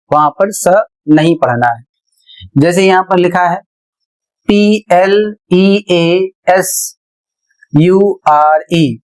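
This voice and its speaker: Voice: medium pitch, poor audio. A teacher with a Hindi accent, giving a pronunciation lesson, spelling out words letter by letter and then reading them aloud. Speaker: English teacher.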